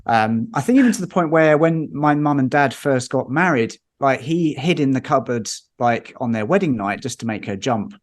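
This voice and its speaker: A man, a podcast guest chatting casually and telling lively anecdotes with chuckles. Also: medium pitch, moderate pace, hardly any pauses.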